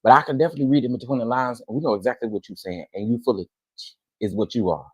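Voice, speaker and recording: A man giving loud, scolding reaction commentary straight to viewers. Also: medium pitch, very fast, breathy edge, dry recording, poor audio.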